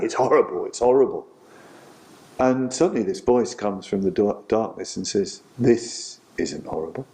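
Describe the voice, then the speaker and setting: Male dharma teacher, lively storyteller who keeps using fillers. Lowish, warm tone. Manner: animated storytelling with many "you know" fillers. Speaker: Buddhist teacher. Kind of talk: retreat dharma talk, storytelling.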